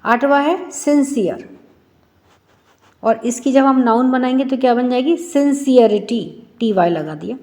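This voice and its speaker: A woman's voice: high-pitched, a little slow, a little mellow, long reverb tail. A woman teacher explaining an English lesson for schoolchildren, asking rhetorical questions and answering them herself.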